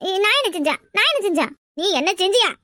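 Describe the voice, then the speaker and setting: Woman doing a sharp-tongued cartoon granny. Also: extremely high pitch, very animated, fast, no echo, clean studio sound, heavily acted. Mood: scolding. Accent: Tirunelveli Tamil. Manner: scolding, nagging. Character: quarrelsome old grandmother, sharp-tongued.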